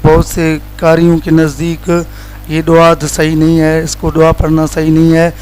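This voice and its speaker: A man from Pakistan teaching Quran letter pronunciation in a plain explaining tone, stretching each letter slowly as a model sound. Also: fairly high pitch, monotone, darkish tone, smooth, rough recording.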